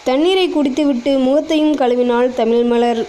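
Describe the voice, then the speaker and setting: A woman narrating a novel aloud in a steady, measured way. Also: high voice. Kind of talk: novel reading.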